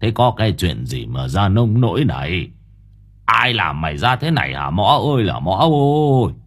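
A man voicing a kindly, stooped old village elder who speaks gently and with concern, a little lower than his usual voice. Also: very animated, measured pace, exaggerated voice.

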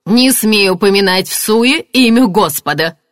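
A woman's voice: big pitch swings, fairly quick, dry recording, clean studio sound. A woman reading an audiobook, voicing a distraught middle-aged mother who flares up and cries out. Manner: shrill, flaring up.

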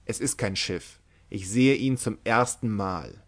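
A man's voice: lowish voice, a little slow, husky. A man doing a hollow-voiced, resigned old sailor. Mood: gloomy. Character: gloomy fatalistic sailor. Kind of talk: audiobook character reading.

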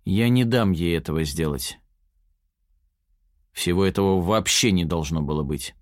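A man playing a curly-haired male kidnapper who speaks softly and guiltily to his captive. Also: moderate pace, no room sound, clean studio sound, natural voice. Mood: soft reassuring. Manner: low, gentle, subdued.

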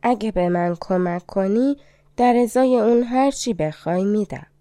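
A worried young queen from a fairy tale, earnest and questioning, as a woman narrator puts her on. The voice is warm and mellow, captured close and dry. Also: mid-range voice, no room sound, natural voice. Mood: eager. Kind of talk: audiobook fairy tale reading.

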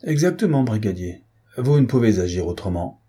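A composed gentleman detective speaks in calm, clipped, firm lines, read by a male narrator. His voice sits low and mellow. A husky grain runs through it. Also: moderate pace. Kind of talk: audiobook character reading.

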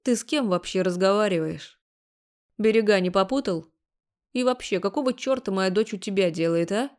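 A woman voicing an angry, protective middle-aged father who talks gruffly and threateningly, in an audiobook. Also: mid-range voice, normal speed, darkish tone, lightly acted. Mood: indignant.

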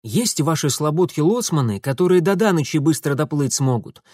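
A man's voice: on the high side, lively intonation, a little fast, darkish tone, dry recording, clean studio sound. A man voicing a brusque young man who gives curt, impatient orders in an audiobook. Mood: commanding. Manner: curt, commanding. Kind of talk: audiobook character voice.

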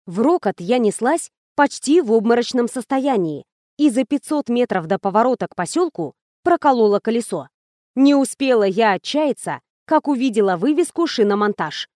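A woman narrating a novel in the first person, in a lively, ironic reading manner. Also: fairly high pitch, moderate pace, no room sound, studio quality. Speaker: audiobook reader. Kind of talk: scripted narration.

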